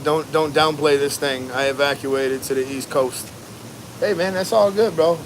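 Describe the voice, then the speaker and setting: American man chatting over loud windy noise. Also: on the high side. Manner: laid-back, rambling, slangy. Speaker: livestream host, barber. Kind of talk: casual livestream chat. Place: outdoors at home during a windy storm. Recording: noisy outdoors, loud wind and ambience. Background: wind and rushing water ambience.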